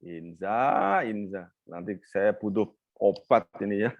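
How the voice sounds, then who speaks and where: A man's voice: fairly low pitch, animated, slow pace. Teasing male lecturer, dull lo-fi call. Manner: teasing, quizzes students by name. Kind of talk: online class lecture.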